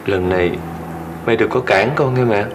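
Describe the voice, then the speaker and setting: A man's voice: on the low side, normal speed, noisy background, natural voice. An actor playing a grown son who pleads with his mother before leaving home for the city, in an emotional TV drama. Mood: pleading. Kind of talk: TV drama acting. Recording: soft music score behind.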